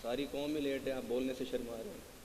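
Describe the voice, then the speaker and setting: A man giving a religious sermon, telling stories to a congregation and quizzing them, moving from hushed asides to loud raised passages. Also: medium pitch, fairly even intonation, long reverb tail, heavy background noise. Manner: tells anecdotes, swings from hushed asides to loud raised delivery, quizzes the audience. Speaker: preacher. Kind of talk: Urdu religious sermon with storytelling.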